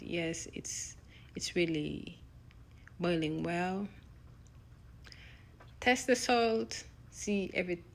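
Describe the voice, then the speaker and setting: Slow, gravelly woman vlogger. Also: fairly low pitch, a little hiss or hum. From Uganda. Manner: chatty, laughs, frequent restarts. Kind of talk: casual voice-over narration.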